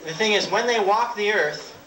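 A man in his twenties doing live stand-up comedy with props in a halting, offhand way. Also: high voice, pushed and bright. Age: 20s. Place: small dark theatre stage with audience. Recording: roomy old videotape, distant, audience noise. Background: audience laughter and crowd noise.

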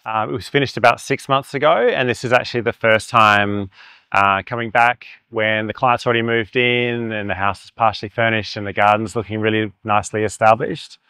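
Wearing a clip-on mic, this upbeat Australian architect in his forties walks through a big suburban house, chatting casually with lots of fillers. He speaks fairly quickly with a fairly low pitch, fairly even intonation and a sharp tone.

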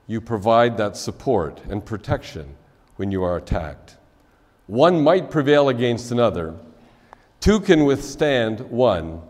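Officiating a wedding in a church sanctuary, a man in his sixties delivers a measured sermon, letting his phrases fall softly at the end. His pitch is medium, and the recording carries a long church reverb.

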